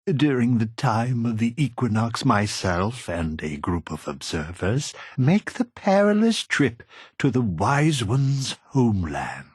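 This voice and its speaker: In theatrical video game dialogue, an actor voices a solemn, fervent cult leader delivering a ritual sermon to his followers. His mid-range, slightly rough voice swings widely in pitch, exaggerated, grandiose, reverent and deliberately oratorical, captured in clean studio sound with no room echo.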